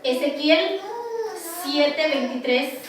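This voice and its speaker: A woman pastor preaching a sermon earnestly, with frequent pauses and fillers, recorded from far off in a very echoey hall. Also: high-pitched, noisy background.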